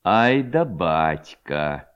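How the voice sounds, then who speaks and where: Young village lad, mocking and defiant, lively pitch, voiced by a male narrator. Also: unhurried, highs cut off. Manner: mocking, scheming.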